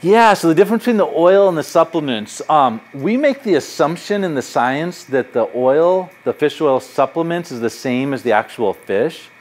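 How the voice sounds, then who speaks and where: A middle-aged psychology professor gives a public lecture with audience questions in a university lecture hall, gesturing a lot and keeping things conversational and anecdotal. His fairly high, expressive voice moves at a moderate pace with few pauses.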